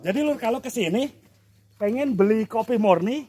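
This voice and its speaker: A man's voice: sits high, expressive, normal speed, dark tone, slightly rough. A man with a Javanese accent hosting a casual outdoor vlog, chatty and inquisitive, often repeating what he is told. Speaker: vlog host asking locals questions. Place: outdoors on a rural coffee-growing hillside.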